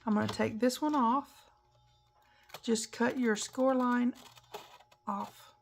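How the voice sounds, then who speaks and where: A woman hosts a papercraft tutorial, chatting through each step of a casual demonstration in an instructive way as she works with her hands. Her voice is on the high side, slow and fairly even, and a little croaky, so she clears her throat. Slight background noise is audible.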